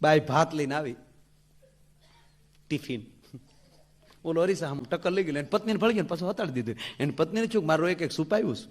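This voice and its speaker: Lively village storyteller, man. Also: fairly high pitch, a little fast, long pauses. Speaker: folk comedian. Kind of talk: comic folk storytelling.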